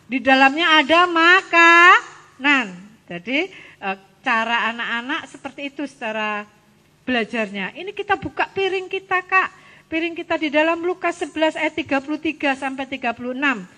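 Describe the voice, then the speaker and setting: A woman gives an animated, coaxing children's sermon as a Sunday school teacher. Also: high-pitched, moderate pace. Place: church hall. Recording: church hall reverb.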